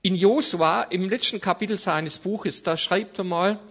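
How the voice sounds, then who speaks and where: A man's voice: high-pitched, unhurried, fairly bright tone, lo-fi sound. A man preaching a conversational sermon as a guest speaker, with frequent tag questions and restarts. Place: church service.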